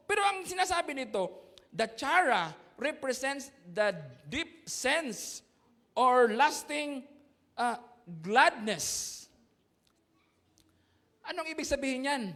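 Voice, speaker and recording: A Filipino man preaches from the pulpit in a very high voice. He tells his story with jokes, acts out voices and laughs along with it. His voice rings through a church with a long, lingering echo. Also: fairly bright tone. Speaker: pastor. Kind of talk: sermon. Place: church sanctuary.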